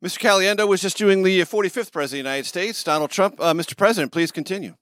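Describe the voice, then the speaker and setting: Playful male interview host, slightly high. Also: very fast, fairly bright tone, no echo, clean studio sound. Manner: playful, plays along with the bits. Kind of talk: casual interview.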